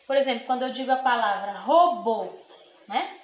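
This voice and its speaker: A woman teacher giving a recorded lesson to young children, patient and sing-song, slowly drawing out example words. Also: fairly high pitch. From Brazil. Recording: echoey room with faint ambience.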